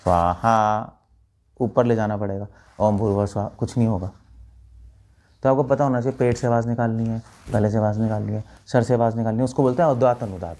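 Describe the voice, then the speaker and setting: A monk gives a spiritual talk to a live group. His voice is dark and mellow. He quizzes his listeners and chants lines to show how they should sound. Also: medium pitch, steady tone, fast talker. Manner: questioning listeners, demonstrating chants. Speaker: monk teacher.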